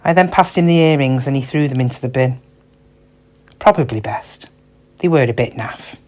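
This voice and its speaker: A middle-aged woman with a very deep, slightly mellow voice plays a downtrodden shop cashier at a normal pace. Her first-person dramatic monologue about her regrets is reflective, confiding, and plain-spoken, with a wistful, sad mood.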